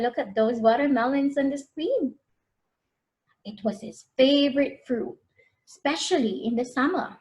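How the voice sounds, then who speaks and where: A preschool storyteller with a high-sitting, darkish voice reads a picture book expressively to young children, prompting them with questions. The audio quality is poor.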